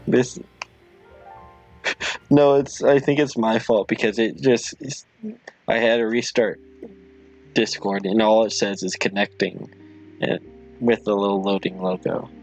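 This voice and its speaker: A man hosting a late-night livestream, talking slowly to his viewers. He rambles and apologizes, often stopping and restarting his sentences. Faint guitar music plays behind him. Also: lowish voice, flat delivery. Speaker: livestream host. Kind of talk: casual livestream chat.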